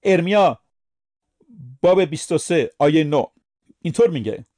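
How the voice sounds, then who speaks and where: High-voiced man preaching a sermon. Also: expressive, mellow. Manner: emphatic, asks the listeners questions.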